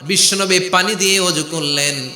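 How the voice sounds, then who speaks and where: Impassioned male preacher in an echoey hall. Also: moderate pace. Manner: dramatic storytelling, rising to loud wails and dropping low; calls on the crowd to respond. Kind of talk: Bengali waz sermon.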